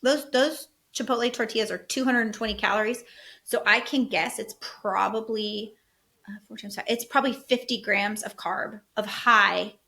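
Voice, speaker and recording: A middle-aged woman hosting a podcast, chatty and animated as she tells stories about her kids and food. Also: medium pitch, moderate pace, vocal fry. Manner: chatty, animated storytelling, acts out her kids' voices. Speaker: podcast host and health coach. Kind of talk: casual solo podcast talk.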